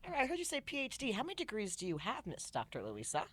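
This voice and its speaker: A woman hosting a talk show, chatting in a bubbly, energetic way as she interviews her guest. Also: fairly high pitch, husky. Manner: bubbly, energetic, fast-talking. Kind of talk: upbeat interview chat.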